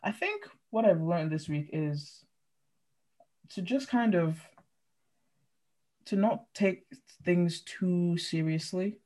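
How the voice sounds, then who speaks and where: A woman's voice: fairly low pitch, animated, slow, long pauses, mellow. A woman of twenty-one co-hosting a casual podcast chat, laughing often and restarting her sentences. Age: 20s. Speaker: podcast co-host.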